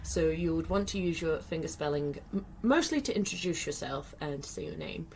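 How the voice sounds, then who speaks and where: A woman with a notably low-pitched voice talks learners through a lesson, patient and step by step, with small fillers. A faint hum of room ambience sits behind her. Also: lively intonation, a little fast, gravelly. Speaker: sign language teacher. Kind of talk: friendly tutorial lesson.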